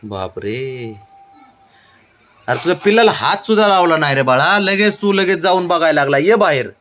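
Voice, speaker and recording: Man coaxing a pet in lively baby talk. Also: high voice, normal speed. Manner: gentle, coaxing, repeats reassurances. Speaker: pet owner vlogger.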